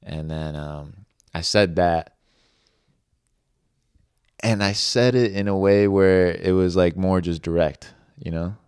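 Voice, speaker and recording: A man's voice: low-pitched, slow pace, pauses often, a little mellow, smooth, no echo, clean studio sound. A young man in his early twenties chatting casually on a podcast, rambling and leaning on fillers like "like" and "you know.". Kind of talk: casual chat.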